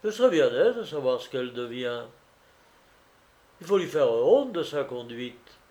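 A man's voice: mid-range voice, big pitch swings, unhurried, mellow. A man voicing a vain, touchy young male clerk in love, talking in a fretful, self-important way. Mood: resolute. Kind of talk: audiobook reading.

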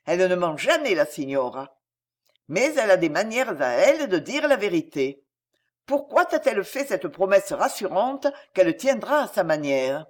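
A woman's voice: very animated, normal speed. A woman voicing a fiercely jealous, passionate noblewoman who speaks intensely, coldly and with menace. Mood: menacing. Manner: intense, low and cold, menacing.

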